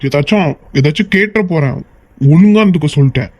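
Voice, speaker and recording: A man's voice: fairly high pitch, lively intonation, fast, a little mellow. A man voicing a stern, loyal young friend in a cartoon, firm and scolding. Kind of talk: Tamil cartoon voice acting.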